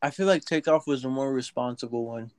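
A man's voice: mid-range voice, fairly quick, darkish tone, no room sound. A young man co-hosting a casual podcast, talking in a laid-back, slangy way. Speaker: podcast co-host. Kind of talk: casual chat.

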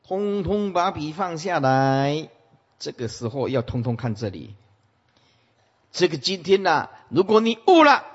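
A man giving an animated Buddhist sutra lecture, repeating commands to his listeners, with a husky voice. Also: a little high. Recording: muffled, echoey hall.

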